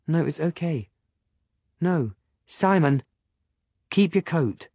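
A man voicing a hesitant young woman in an audiobook, speaking softly and evasively. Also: on the high side, lively intonation, takes it slowly, no room sound, clean studio sound, pitched above the performer's own voice, full character voice.

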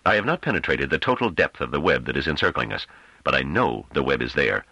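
A man's voice: extremely low pitch, big pitch swings, fast, vocal fry, sharp tone, breathy edge, no room sound, highs cut off, full character voice. A man voicing a grave, sardonic councillor. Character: calm sardonic male councillor defending himself.

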